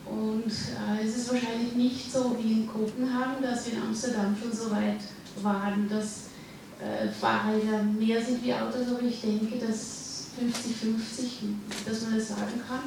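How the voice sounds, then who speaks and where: At a public panel discussion in a large hall, a Dutch woman from the Netherlands speaks up hesitantly from the audience, searching for words. Her voice is fairly high, flat and creaky, at a measured pace. The distant mic picks up hall echo and background noise.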